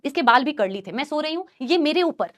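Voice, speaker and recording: A woman teacher telling a story to her students in a live class, animated and acting out the scenes. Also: high-pitched, quick pace. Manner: animated, acts out scenes and shrieks.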